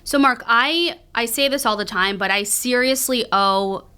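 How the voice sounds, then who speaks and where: A woman's voice: a little high, a little slow, bright, forceful tone, smooth. A young woman from Colombia, a podcast guest telling her family's story in an earnest way. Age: young adult. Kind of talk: interview answers.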